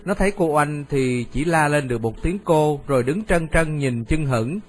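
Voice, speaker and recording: A man narrates a radio story at a steady pace. His voice sits a little higher than most men's, and faint music plays beneath it. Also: moderate pace.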